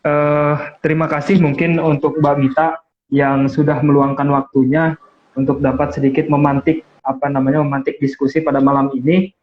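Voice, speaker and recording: A man's voice: a little high, little pitch movement, normal speed. A man moderating an online discussion, heard over a call line, hesitant with many fillers. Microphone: video call. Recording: dull lo-fi call audio, faint noise.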